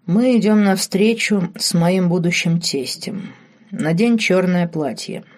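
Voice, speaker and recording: A woman voicing a seductive duke, slow and hushed. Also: on the low side. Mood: commanding.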